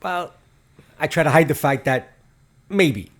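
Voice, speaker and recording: A middle-aged man, the host's father, chatting as a guest with a jokey, slightly stiff, deliberate way of talking. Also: on the high side, expressive. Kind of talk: casual chat.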